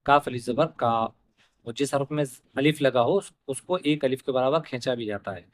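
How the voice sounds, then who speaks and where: A man teaching an Urdu primer lesson, spelling out letters and vowel marks one by one, then explaining the rules in quicker asides. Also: mid-range voice.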